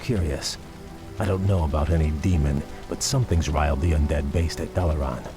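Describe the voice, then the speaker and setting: An actor playing a courteous, weary young elven prince in a fantasy video game, speaking in a formal, measured way. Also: male voice, extremely low pitch, fairly even intonation, music in the background. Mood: wary, courteous. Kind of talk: dramatic video game cutscene acting.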